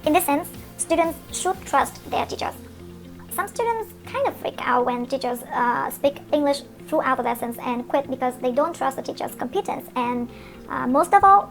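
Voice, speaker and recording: Faint music plays behind a young woman, a native Vietnamese speaker with a Vietnamese accent, as she teaches an English lesson alone on her podcast. Her voice sits high with some vocal fry, and her earnest, encouraging delivery often stops on fillers.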